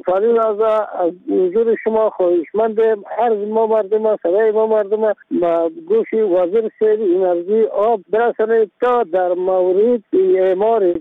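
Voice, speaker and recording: A man from Badakhshan with an Afghan accent, calling a radio programme with a formal spoken petition. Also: high-pitched. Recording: tinny narrow roomy phone line.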